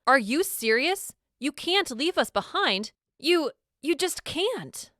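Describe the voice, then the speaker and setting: A woman's voice: mid-range voice, steady tone, takes it slowly, fairly bright tone, clean tone, dry recording, studio quality. A woman reading a storybook, voicing a young girl who pleads in a rising voice. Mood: outraged. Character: upset young girl, fiery then crushed.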